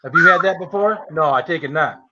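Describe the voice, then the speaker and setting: Male livestream host, fairly high bright voice, casual, chummy, self-deprecating, lo-fi audio. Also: brisk. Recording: dull lo-fi stream audio.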